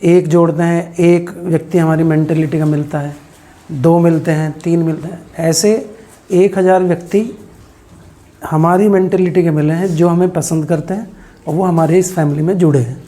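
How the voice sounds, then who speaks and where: A man, a teacher, giving an earnest, halting speech at a small celebration, with many fillers. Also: on the high side, fairly even intonation, warm tone.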